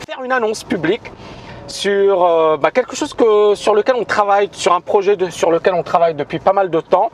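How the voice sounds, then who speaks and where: Speaking briskly in a high-pitched voice, a man who founded a trading school addresses viewers in an emphatic video announcement full of repetition and frequent hesitation. Slight background noise can be heard.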